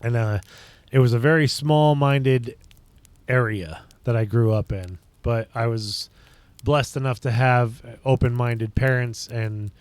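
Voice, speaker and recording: A man's voice: medium pitch, a little slow, smooth, no echo. A man from upstate New York hosting a casual livestream, chatting with viewers and thinking aloud in loose, rambling sentences. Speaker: livestream host.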